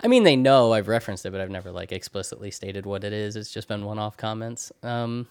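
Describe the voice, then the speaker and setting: Deep-ish guy on a podcast, joking around, dry close mic, laughs a lot. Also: quick pace, clean tone, dry recording. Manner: joking, animated, laughs often. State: out of breath. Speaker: podcast co-host. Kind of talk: casual chat.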